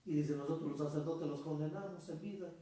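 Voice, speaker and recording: A man's voice: on the high side, fairly even intonation, a little fast, mellow. A man preaching a sermon as a priest, telling a story and calling his listeners brothers. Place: church. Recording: echoey church from far off.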